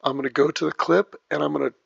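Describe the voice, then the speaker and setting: Sex: man. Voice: gravelly, a bit creaky. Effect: low sample rate, muffled lo-fi audio. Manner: talks through each click of a software tutorial. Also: steady tone, fast talker, no room sound. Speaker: video editing instructor. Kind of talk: step-by-step screen tutorial. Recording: dull lo-fi dry voice track.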